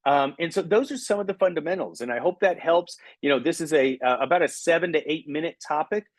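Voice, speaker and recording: Middle-aged guy coaching a sales team, husky voice, dead dry sound, keeps asking okay?. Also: a little high, quick pace, no echo. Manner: energetic, coaching, frequent "okay?" check-ins. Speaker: recruiting trainer. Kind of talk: motivational training talk.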